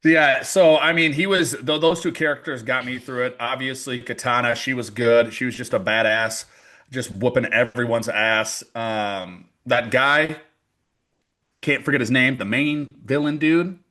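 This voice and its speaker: A man's voice: medium pitch, fairly even intonation, unhurried, sharp tone. A man hosting a podcast in casual chat, rambling and joking as he passes the mic around. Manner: rambling, joking, restarts often. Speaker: podcast host.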